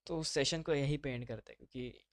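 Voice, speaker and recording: A man's voice: mid-range voice, a little fast, very noisy. Casual man teaching a live online class. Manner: casual, brotherly, mixes English terms into speech.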